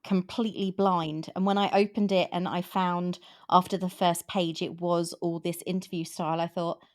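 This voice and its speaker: A woman's voice: fairly low pitch, level tone, moderate pace. A woman in her fifties hosting a book podcast, talking in a rambling way with frequent restarts. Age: 50s. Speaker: podcast host. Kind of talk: casual book chat.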